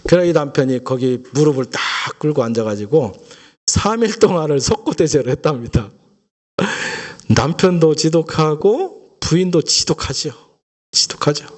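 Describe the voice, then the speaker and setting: A man's voice: on the high side, animated, normal speed. A male pastor preaching a Sunday sermon, telling a story and asking the congregation questions.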